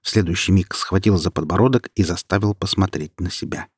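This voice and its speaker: Reading an audiobook aloud, this man's low, husky voice keeps an even storytelling rhythm at a fairly quick clip. It's a dry, close recording without any room sound.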